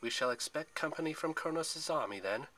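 A man's voice: on the high side, expressive, a little fast, sharp tone, pitched above the performer's own voice. A man doing a stern archaic-speaking huntress. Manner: formal old-fashioned phrasing. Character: young woman huntress, stern, archaic speech.

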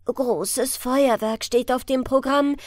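A woman voicing a gallant young elf prince who speaks courtly and slowly in a storybook. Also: sits high, steady tone, a little mellow, no echo. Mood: gallant, excited. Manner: courtly, slow and charming.

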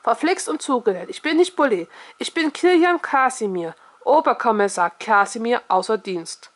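A stiff, pompous retired police inspector, as a woman reads him aloud, formal and easily offended, his voice riding a little high. He scolds in a huffy, proper tone, as in a storybook read aloud. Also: expressive, moderate pace, lightly acted. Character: pompous retired male police inspector ghost in a guinea pig.

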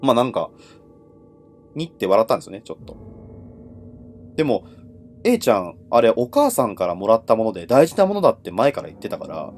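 A man hosts a live ghost-story stream in an informal, conversational way. His intonation swings very widely, with dramatic pauses and endings that drop away. There is faint noise behind his voice. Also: fairly low pitch, wildly swooping pitch, darkish tone. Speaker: horror storyteller and host.

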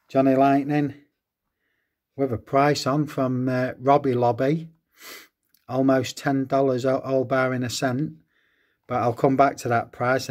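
A man's voice: mid-range voice, a little mellow. Enthusiastic man unboxing. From England. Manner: enthusiastic, fond exclamations. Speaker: host of a diecast collecting channel. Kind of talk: casual unboxing chat.

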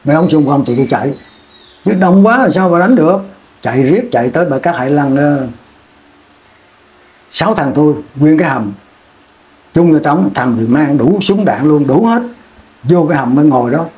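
Older man, slightly high voice, rambling war recollection, repeats words and restarts. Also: animated, normal speed, pauses often, a little mellow. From Vietnam. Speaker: veteran interviewee. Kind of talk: oral history war recollection.

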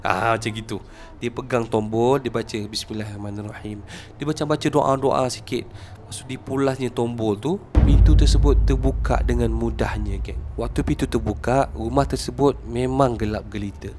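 A man's voice: mid-range voice, fairly even intonation, normal speed, darkish tone, faint music behind. A man with a Malaysian accent telling a horror story casually, with chatty asides and dramatic emphasis.

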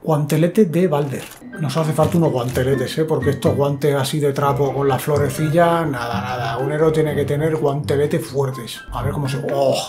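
A man with a Spain Spanish accent giving chatty, excitable gameplay commentary, talking to himself and his viewers. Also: a little high, moderate pace, few pauses. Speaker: gaming YouTuber. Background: game music.

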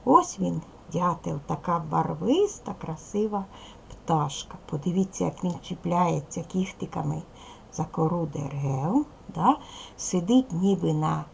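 A woman's voice: on the low side, measured pace, gravelly, a little hiss or hum, poor audio. A woman primary school teacher giving a recorded video lesson to young pupils, patiently explaining, asking questions and praising answers.

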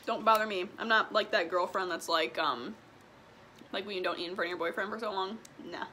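Speaking briskly in a medium-pitched voice, a twenty-year-old vlogger from Illinois munches through a casual mukbang Q&A, replying to viewers. The background is noisy, and she's recording in a small indoor room at home. Chatty throughout, she leans heavily on "like" and "um."

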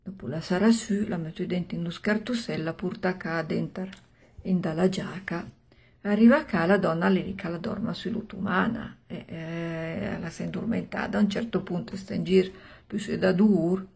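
Older Milanese woman storyteller, husky and creaky. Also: lowish voice, fairly even intonation, normal speed, darkish tone. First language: Milanese dialect. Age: 60s. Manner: colloquial, conversational, with short phrases and interjections. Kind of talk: oral storytelling of an old horror tale, acting out dialogue. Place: small room at home.

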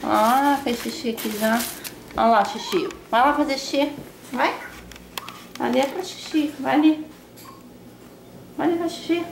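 A woman's voice: high-pitched, measured pace, creaky, long pauses, noisy background. A young woman at home, talking baby talk to her new puppy in a cooing, sing-song way. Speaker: pet vlogger. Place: home indoors.

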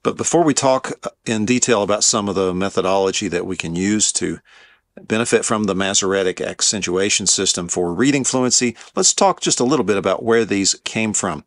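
A man with a fairly low voice delivers a calm, explanatory lesson on biblical languages, pausing now and then with small fillers. The sound is dry and close, with no room around it. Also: no echo. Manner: measured, explanatory, occasional fillers. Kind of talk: lecture on biblical Hebrew.

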